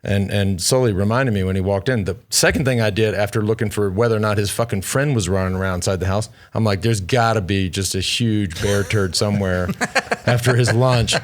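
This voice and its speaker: Low-voiced man telling a wild story. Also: quick pace. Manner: animated, profane, rambling with many restarts. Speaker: podcast co-host. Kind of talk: casual storytelling chat.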